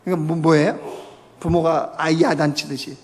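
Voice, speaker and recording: A man with a fairly high voice preaches a sermon from the pulpit. He keeps asking the congregation questions and answering them himself. His voice rings with a long reverb through the church sanctuary. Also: fairly even intonation, moderate pace. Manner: asks the congregation rhetorical questions. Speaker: pastor.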